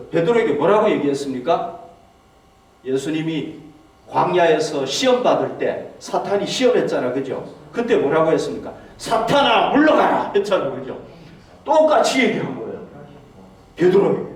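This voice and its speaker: A male pastor preaches in a high, animated voice that swings widely in pitch. He keeps asking his congregation rhetorical questions. He is heard from some distance, and the church hall rings with heavy echo. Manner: acts out quoted speech in a raised voice. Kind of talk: sermon. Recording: very echoey hall, mic far off.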